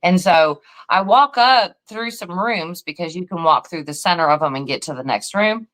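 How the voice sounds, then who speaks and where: A tired woman with a lowish voice tells a winding story in casual podcast chat. She is a co-host and paranormal investigator, and her talk is full of fillers and restarts. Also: moderate pace, rough recording. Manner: rambling, animated storytelling with many fillers.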